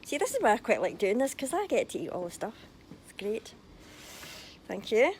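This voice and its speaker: A woman's voice: on the high side, big pitch swings, moderate pace, darkish tone, slight background noise. A Scottish woman presenting from behind the camera, cheerfully chatting and reading out viewer comments. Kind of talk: casual chat on a cooking livestream. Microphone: phone held by the speaker.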